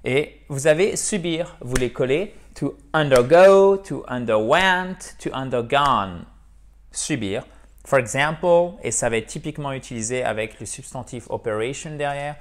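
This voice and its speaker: Man teaching English, chatty. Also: medium pitch. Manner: lively, repeats words slowly, asks ok?. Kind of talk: casual video lesson.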